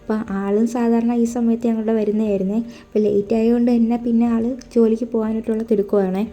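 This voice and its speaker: A woman's voice: on the high side, little pitch movement, fast, background noise. A young woman from Kerala, a stay-at-home mother, chatting casually over her daily routine, homely and friendly. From Kerala, India. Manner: chatty, homely, with frequent friendly tag words.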